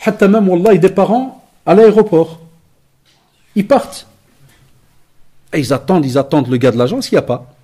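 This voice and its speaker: A man giving a lecture to young people, telling lively stories with acted-out dialogue and Arabic phrases mixed in. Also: sits high, moderate pace, long pauses, slightly rough. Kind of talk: conference talk to young people.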